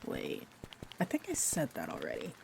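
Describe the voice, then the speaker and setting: With rain falling steadily in the background, a woman acts as a young-looking, twenty-four-seeming vampire bartender who is sweet, friendly, and prone to rambling. She talks at a normal speed in a fairly everyday voice, gentle and hesitant, chatty and musing as she drifts into whimsical tangents. The recording has a little hiss or hum.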